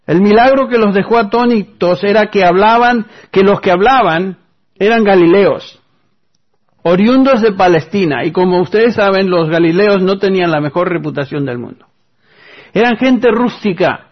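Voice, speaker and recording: A man's voice: sits high, expressive, normal speed, highs cut off. A man preaching a sermon who reads scripture aloud and keeps asking the congregation rhetorical questions.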